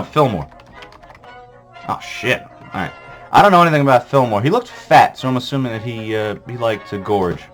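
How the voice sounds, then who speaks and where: A man with a lowish, slightly bright voice hosts a comedic history vlog. Jittery from coffee, he rambles and swears his way through a list of presidents, stuffing his irreverent rundown with fillers.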